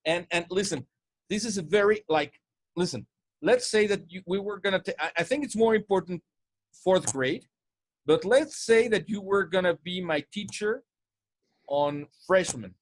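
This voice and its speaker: With a voice that sits high and sounds animated, a man from Mexico talks sales coaching at normal speed in casual chat, his English Spanish-accented. His repetitive restarts and stumbles over words are frequent, and the recording is dry.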